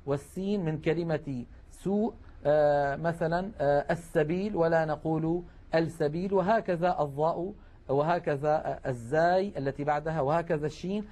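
Patient male tajweed teacher, slightly high voice. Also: moderate pace, dark tone. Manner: patient, explanatory, with frequent hesitations. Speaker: Quran recitation teacher. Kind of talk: broadcast lesson on tajweed.

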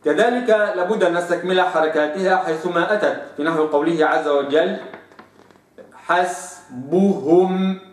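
A man teaching Quranic recitation rules, stretching out example words slowly to demonstrate sounds. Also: on the high side, reverberant, distant mic. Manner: drawn-out slow recitation of examples. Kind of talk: tajweed lesson with slow demonstrations.

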